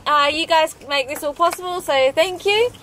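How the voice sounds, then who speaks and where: A young woman speaks warmly and chattily to a camera from a sailboat's cockpit. Her voice is high, and faint noise sits behind it. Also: normal speed, rough recording. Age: young adult. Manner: warm, grateful, chatty. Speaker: vlog co-host. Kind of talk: casual chat to camera. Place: cockpit of a sailboat under a canopy, outdoors.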